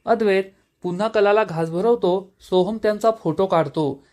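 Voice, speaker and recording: High-voiced man recapping a serial. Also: moderate pace. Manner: steady storytelling, quotes read plainly. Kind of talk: scripted episode recap narration.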